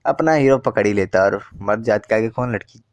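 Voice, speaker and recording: A man's voice: lowish voice, a little fast, dry recording. A man casually retelling a movie plot, slangy and joking, and acting out the lines. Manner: slangy, joking, acts out the dialogue. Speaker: movie recap narrator.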